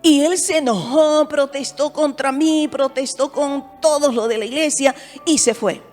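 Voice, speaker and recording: A woman pastor from Bolivia preaching a sermon with earnest rhetorical questions. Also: high voice. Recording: echoey hall with faint music.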